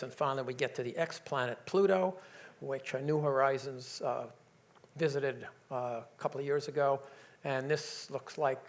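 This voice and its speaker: Enthusiastic man giving a science talk. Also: mid-range voice. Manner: enthusiastic, joking, with many fillers. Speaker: lecturer.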